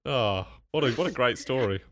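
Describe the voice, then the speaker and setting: Sarcastic man with a lively voice. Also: mid-range voice, moderate pace. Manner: dry, sarcastic quips. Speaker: podcast co-host. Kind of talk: casual podcast chat.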